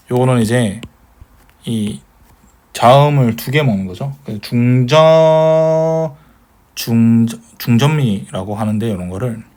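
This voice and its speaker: A man's voice: medium pitch, darkish tone. A man giving a recorded grammar lecture, explaining patiently step by step and addressing his students politely. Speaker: Hebrew grammar teacher.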